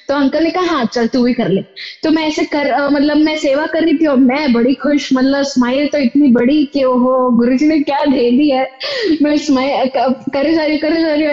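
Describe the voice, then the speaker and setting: Young woman rambling thru her temple memories, lots of fillers, high voice, kinda muffled recording. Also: a little mellow. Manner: chatty, full of fillers, acts out her own past dialogue. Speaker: devotee sharing her experience. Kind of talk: casual spoken testimony. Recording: dull lo-fi recording.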